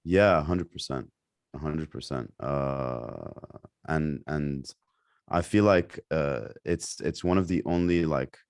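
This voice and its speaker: Podcast guest: young man from Lebanon, very low voice, loose chatty delivery full of fillers. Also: slow, creaky, darkish tone, no echo, clean studio sound. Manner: rambling, many fillers and restarts. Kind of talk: casual interview chat.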